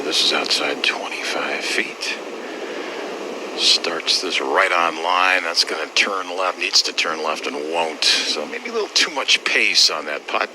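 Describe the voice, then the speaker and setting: A man with a low voice gives live golf commentary in short, measured calls. Clear outdoor background noise runs behind him. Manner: measured, clipped present-tense calls.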